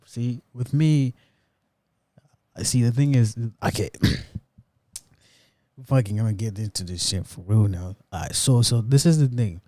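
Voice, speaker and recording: A man's voice: mid-range voice, measured pace, long pauses, warm tone, no room sound, clean studio sound. A young man from Africa co-hosting a casual chat, talking in slangy, profane rambles. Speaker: podcast co-host.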